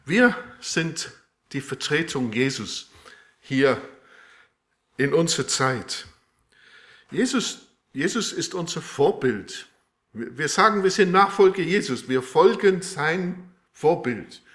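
A man preaching a sermon with a live demonstration, speaking in a halting way with many fillers and restarts. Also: on the high side, expressive, a bit bright. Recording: echoey room.

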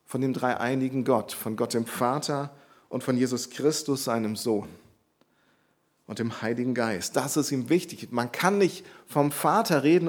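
A man delivers a Bible teaching sermon in an earnest, explanatory tone. His voice sits at an ordinary middle pitch. He circles back over key phrases to drive them home. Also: darkish tone. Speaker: preacher.

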